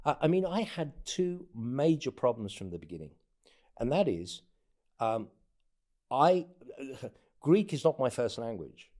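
A former presidential candidate, born in North Africa and having lived in England and the United States, appears as an interview guest telling casual anecdotes. He often halts and stammers, repeating words as he goes. His mid-range voice is mellow and very animated.

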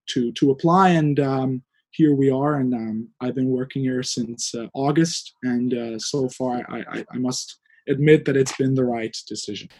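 A man's voice: medium pitch, darkish tone. A man in his twenties from Hungary, a guest director of a student fund, answering thoughtfully with many fillers and hedges. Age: 20s. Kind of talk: interview.

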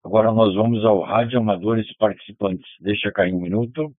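A man's voice: fairly low pitch, fairly quick, no room sound, narrow, tinny audio. A man running and closing an amateur radio net, reading out call signs in the phonetic alphabet, heard over a digital ham radio link. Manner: steady, reads call signs in the phonetic alphabet, keeps asking "tá bom?". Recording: thin, dry digital radio audio.

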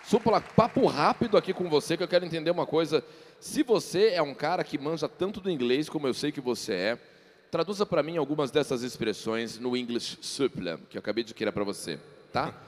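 A playful male talk show host with a slightly high voice, reading quiz lines slowly and leaning on every word. He is on a stage with long reverb ringing behind him. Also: expressive, some chatter behind. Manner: jokey, reads lines slowly and stresses them. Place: studio stage with an audience.

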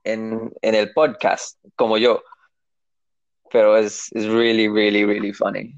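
Man, native English speaker, beginner Spanish, halting, hunts for words, mixes in English, very slow, gravelly, dry dull lo-fi sound. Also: lowish voice, little pitch movement, no echo. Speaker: Spanish learner. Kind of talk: casual conversation practice.

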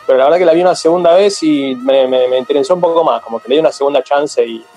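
A man's voice: a little high, mellow, faint music behind. A man with an Argentine accent, chatting casually and recommending films on a remote panel. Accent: Argentine Spanish. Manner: fast slangy talk. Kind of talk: casual group chat.

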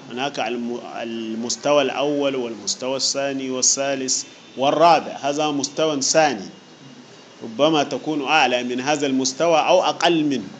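In a classroom with students present, a man with a mid-range voice teaches Arabic grammar, patiently working through examples, repeating key points and checking that everyone understands. A little hiss or hum sits under the recording.

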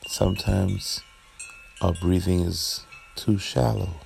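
Very deep, gravelly man guiding meditation. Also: steady tone, soft background music, rough recording. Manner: soothing, gentle, unhurried with long pauses. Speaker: guided meditation leader. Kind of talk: guided relaxation meditation.

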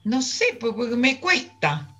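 A woman's voice: on the high side, big pitch swings, unhurried, sharp tone, faint music behind. An older woman, the host's mother, speaking on a radio chat in a studio, reticent and dryly terse.

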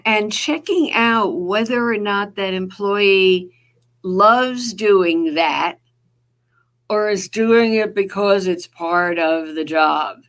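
A woman with a New Jersey accent, a guest author in an interview, speaking thoughtfully and measured, with pauses and fillers. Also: mid-range voice. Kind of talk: podcast interview.

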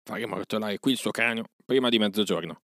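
A man's voice: lowish voice, quick pace, a bit bright, dry recording, studio quality, natural voice. A man voicing a blunt, bloodthirsty grey wolf who grumbles in a storybook reading. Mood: grumbling.

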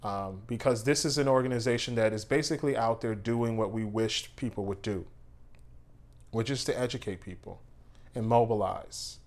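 A man co-hosting an activist talk, speaking in a deliberate, emphatic way. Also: fairly low pitch, darkish tone. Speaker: co-host.

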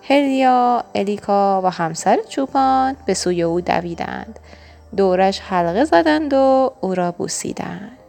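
Expressive woman reading a children's story. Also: mid-range voice, creaky, faint music behind. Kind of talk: children's audiobook narration.

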